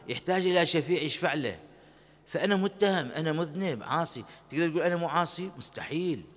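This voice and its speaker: A fairly high-voiced man preaches in an Iraqi Arabic accent, pleading with passion and drawing some phrases out in a melodic chant. His voice rings with the long reverb of a large hall inside a shrine. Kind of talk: sermon.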